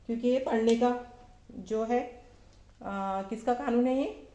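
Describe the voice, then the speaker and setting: A woman teaching Arabic verb forms to a class of women, asking questions and answering them herself, repeating each form slowly. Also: fairly high pitch, warm tone, reverberant. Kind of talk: slow classroom lesson.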